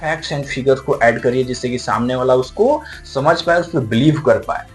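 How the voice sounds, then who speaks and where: A man's voice: medium pitch, lively intonation, moderate pace. A man giving a video lesson on communication, explaining point by point with emphasis and mixing in English terms. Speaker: communication skills trainer. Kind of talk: lecture-style video lesson. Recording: faint background music.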